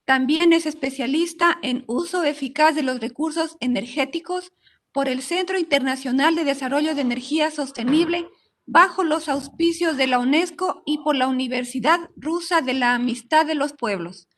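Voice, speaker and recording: A woman's voice: high-pitched, normal speed, a bit bright. A woman moderating an academic session, reading out a formal scripted introduction. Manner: formal, reading biographies aloud.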